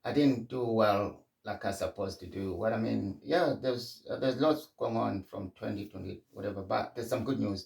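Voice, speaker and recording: A man's voice: on the low side, gravelly, a little mellow, recorded from a distance. Man, from Zimbabwe, middle-aged, podcast host, candid reflective monologue, echoey room. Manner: candid and conversational, frequent restarts.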